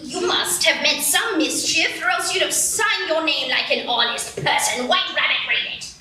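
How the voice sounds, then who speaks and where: A woman's voice: high-pitched, animated, normal speed, sharp tone. A woman voicing a bossy, imperious queen in a live radio play, with a haughty, theatrical manner. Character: bossy, imperious female queen, quick to threaten. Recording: echoey stage from a distance, faint noise.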